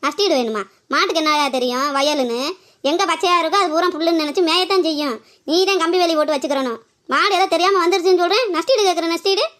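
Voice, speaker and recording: A woman voicing a shrill, fast-scolding village matriarch. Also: a bit bright. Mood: arguing. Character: bossy older village woman herding cows. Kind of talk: cartoon comedy voice acting.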